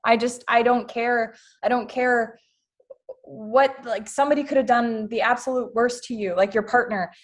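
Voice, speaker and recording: A woman's voice: a little high, fairly even intonation, moderate pace. Candid woman guest speaking with emotion. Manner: candid, emotional, filler-heavy. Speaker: guest, blended family coach. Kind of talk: casual interview talk.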